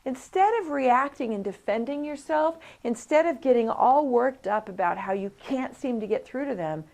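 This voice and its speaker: Speaking at a moderate pace in a fairly high voice, this woman instructor runs a coparenting class full of stories. She brings her anecdotes to life, performing what each person said in their own voice.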